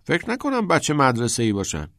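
A man's voice: mid-range voice, wildly swooping pitch, fairly bright tone, no room sound, clean studio sound, voice pushed up. A man doing a cocky teenage schoolboy. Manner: cool and self-assured, teasing.

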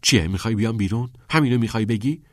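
A man's voice: medium pitch, animated, no echo, clean studio sound, voice pushed up, natural voice. A man voicing a shy, defensive teenage schoolboy who grows reluctant and then flares up, in an audiobook reading. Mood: angry.

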